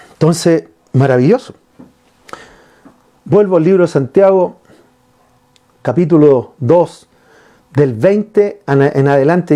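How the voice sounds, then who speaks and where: A man preaching a sermon as pastor, asking his listeners questions and retelling scripture. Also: on the high side. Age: adult father. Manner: lively preaching with rhetorical questions to the congregation.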